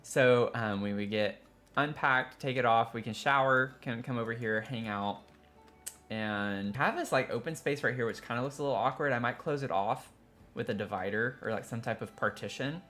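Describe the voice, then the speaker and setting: A man's voice: medium pitch, moderate pace, pushed and bright. A man from Tennessee with a Southern accent, chatting casually on a live stream in a rambling, self-interrupting way. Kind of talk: casual live-stream chat while building in a game.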